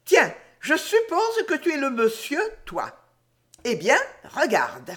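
A woman's voice: high-pitched, wildly swooping pitch, slow pace, fairly bright tone, full character voice. A woman voicing a teasing, playful young woman who adores her anxious lover, in an audiobook reading. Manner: teasing, playful, mock-exasperated.

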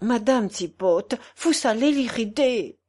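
A woman's voice: a little high, expressive, slow, a little mellow, voice pushed up. A woman voicing a kindly old German man with a German accent in a storybook reading, blunt and flustered.

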